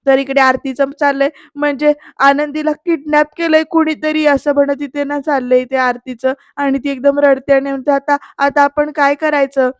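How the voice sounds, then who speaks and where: Female recap narrator, high voice, level delivery, talks straight to viewers, dry booth. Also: flat delivery, normal speed, hardly any pauses, dry recording. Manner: chatty, addresses viewers directly. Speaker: serial review narrator. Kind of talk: casual voice-over recap.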